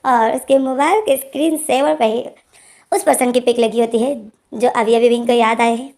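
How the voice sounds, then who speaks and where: A young woman with a sore throat reads out a fan fiction in a casual, chatty way and keeps talking to her audience. Her voice is mellow and sits a little high. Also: fairly even intonation, normal speed, gravelly. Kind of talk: casual story reading.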